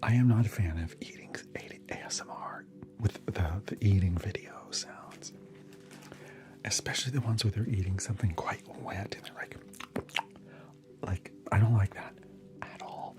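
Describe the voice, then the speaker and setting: A man's voice: on the low side, moderate pace. A man whispering casually through an ASMR livestream, chatting with viewers and answering their comments between snacks.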